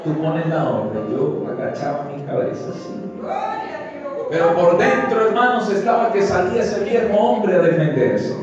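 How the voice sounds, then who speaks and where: A man's voice: high-pitched, animated, normal speed, dull audio. A man from Ecuador preaching a sermon as pastor, telling his own story and earnestly calling his listeners brothers. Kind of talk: sermon with personal testimony. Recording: echoey church hall, mic far off, faint music.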